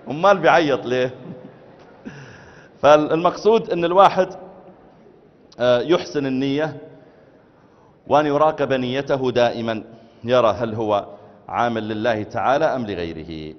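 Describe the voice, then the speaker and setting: A male preacher lectures in a mid-range voice, moving between soft asides and louder points. The recording sounds muffled and lo-fi, with a long reverb from a large hall. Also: medium pitch, moderate pace, pauses often. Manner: storytelling, swings between loud and soft. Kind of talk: sermon lecture with anecdotes. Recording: echoey hall, dull lo-fi sound.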